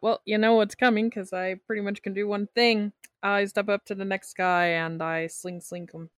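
A woman's voice: mid-range voice, little pitch movement, moderate pace, dry recording, studio quality. A woman speaking casually as a player in a tabletop game, calling out rolls and moves.

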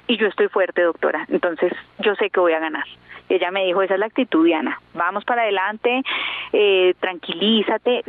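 A woman's voice: medium pitch, no echo. A woman in her thirties, an interview guest, telling her personal story earnestly and hesitantly, with many fillers. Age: 30s. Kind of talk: emotional personal testimony. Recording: tinny phone line, dry.

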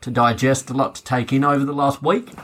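A man's voice: medium pitch, fairly even intonation, brisk, a bit bright. A man hosting a casual sports podcast, chatty and upbeat as he steers the segments. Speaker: podcast host.

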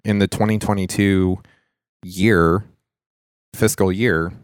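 A man's voice: deep voice, fairly even intonation, slow pace, clear, resonant tone, no echo, clean studio sound. A man earnestly telling a personal faith story in a casual podcast chat, often checking in with "right?". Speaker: mentor and lighting designer.

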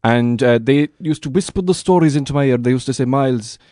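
A man playing an old Irish storyteller, earnest and absurd, with a lilting, wistful, halting delivery in an improvised comedy interview. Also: mid-range voice, warm tone, dry recording, studio quality, close to an everyday voice. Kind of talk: improvised comic interview in character.

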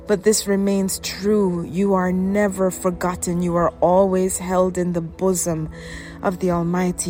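A woman performing a devotional spoken-word poem, drawing her phrases out slowly and often dropping into a whisper, over soft music. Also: lowish voice. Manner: slow, drawn-out phrasing that drops to a whisper.

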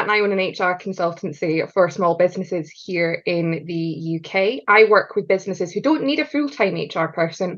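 Enthusiastic woman guest, slightly dull audio. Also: medium pitch. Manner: enthusiastic, swears casually. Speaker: podcast guest, HR consultant. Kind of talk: casual interview chat.

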